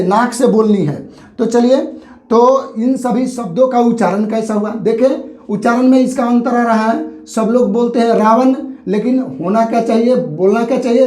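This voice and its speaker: A male teacher giving a grammar lesson at a board, explaining slowly and repeating each point with a check-in. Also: extremely high pitch, darkish tone. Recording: echoey room.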